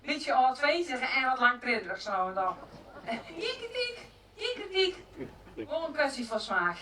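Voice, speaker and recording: A woman's voice: high-pitched, very animated, moderate pace, crowd noise. An actress on an outdoor stage playing an emotional woman who has run away from her husband, talking in a theatrical, laughing, exclaiming manner. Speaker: stage actor. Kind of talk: open-air theatre acting. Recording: distant outdoor stage recording, faint noise.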